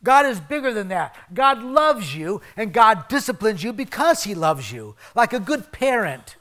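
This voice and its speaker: A middle-aged man preaching a sermon, reading scripture and telling stories, swinging between loud emphasis and quiet asides. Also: sits high, very animated, moderate pace. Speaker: pastor.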